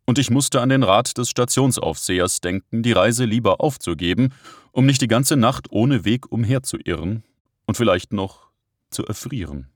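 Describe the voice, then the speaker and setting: A man narrating an audiobook in a steady, measured reading. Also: on the low side, no room sound, clean studio sound.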